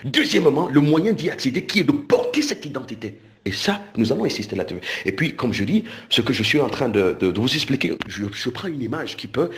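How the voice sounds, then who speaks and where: A man from Cameroon, preaching a recorded sermon with animated delivery, repeating and restarting words and slowing down for emphasis. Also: mid-range voice.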